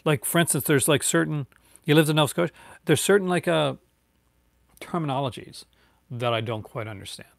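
A man with a higher-pitched, gravelly voice speaks a little fast but leaves long pauses, recorded dry. In his forties, he's a lightly accented Newfoundland YouTuber answering viewers on a live stream indoors at home by his bookshelves, rambling casually with many fillers and restarts.

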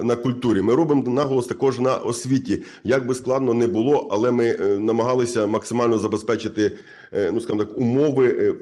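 A man from Ukraine, a community head, gives a conference speech in a halting, earnest way, full of filler sounds and restarts. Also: mid-range voice, a little mellow. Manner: earnest, repeats himself for emphasis.

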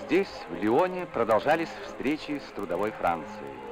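A man's voice: lowish voice, huge pitch swings, moderate pace, over a noisy crowd. A man narrating a 1960s newsreel with a formal, declamatory announcer delivery, old newsreel sound. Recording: narration over loud music.

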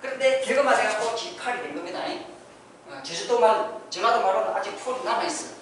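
A man's voice: high voice, animated, fairly quick, a bit bright, slight background noise. A man giving a lecture, explaining step by step and asking his own rhetorical questions, recorded from a distance in a lecture room. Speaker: lecturer on ancient Korean script. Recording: echoey hall, distant mic, faint ambience.

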